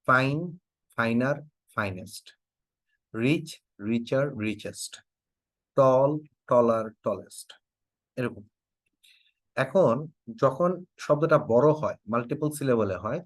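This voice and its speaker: Male English teacher from Bangladesh, online class lecture, mid pitch, quizzes students, playful mock threats. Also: no room sound, studio quality. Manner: quizzing students, repeats prompts to type answers.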